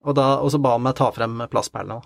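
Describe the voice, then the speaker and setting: A man telling a story in an interview, halting and repeating words with many fillers. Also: medium pitch, gravelly, dry recording, studio quality. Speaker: interview guest. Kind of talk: conversational storytelling.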